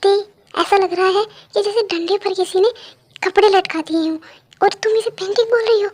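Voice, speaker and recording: A woman's voice: very high voice, fairly even intonation, normal speed, darkish tone. A woman doing a whiny, impatient young man. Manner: whiny, complaining.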